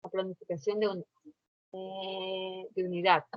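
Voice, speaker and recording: A woman's voice: mid-range voice, level tone, a little slow, no room sound. Patient woman teacher, dull lo-fi sound. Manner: patient, repeats instructions, frequent "¿verdad?" and "¿sí?". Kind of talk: online class lecture. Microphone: computer mic for a virtual class.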